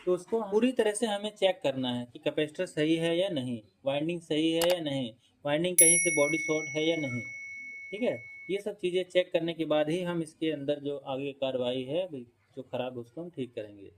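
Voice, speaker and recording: A man with a slightly high voice teaches fan and motor repair. He explains patiently and repeats key points, stopping often to check that the viewer follows. He works with tools while he talks. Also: normal speed, noisy background. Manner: demonstrating with tools while talking. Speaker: electrician instructor. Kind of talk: hands-on repair tutorial.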